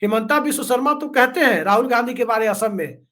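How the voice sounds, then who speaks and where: Guy with a pretty high voice riffing sarcastically on politics, jokes and little stories. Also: animated, fairly quick, fairly bright tone. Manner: sarcastic, joking, storytelling asides. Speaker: political commentator guest. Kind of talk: casual political discussion.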